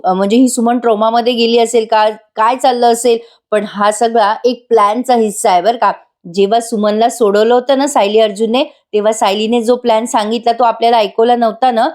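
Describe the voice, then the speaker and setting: A woman giving a chatty voice-over recap of a TV serial episode, talking directly to her viewers. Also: fairly high pitch. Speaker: serial reviewer.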